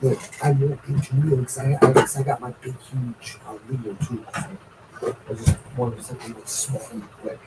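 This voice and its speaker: A man co-hosting a casual podcast, talking slowly and loosely, with sudden jumps in pitch and loudness on stressed words. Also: steady tone, slight background noise. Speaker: podcast co-host. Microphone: headphones and a distant mic, hearing himself back. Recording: echoey room, voice far from the mic.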